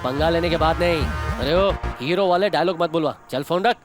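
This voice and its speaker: A man's voice: on the high side, brisk, soft background music, lightly acted. A man playing a cocky, street-smart fixer in a dubbed action-comedy film, delivering brash, taunting Bollywood hero dialogue. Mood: taunting, defiant.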